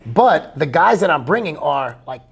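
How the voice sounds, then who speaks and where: Gravelly, higher-pitched man, rambling interviewer. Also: very animated, normal speed. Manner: rambling, long wind-up questions. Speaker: interviewer, high school baseball coach. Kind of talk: casual interview chat.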